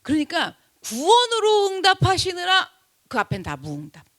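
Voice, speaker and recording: A woman pastor delivers an impassioned sermon in a high, bright voice. Her pitch leaps and falls widely as she swings from loud cries to hushed, low lines. She keeps questioning her listeners and answering herself. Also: huge pitch swings, moderate pace. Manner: asks the congregation questions and answers them herself.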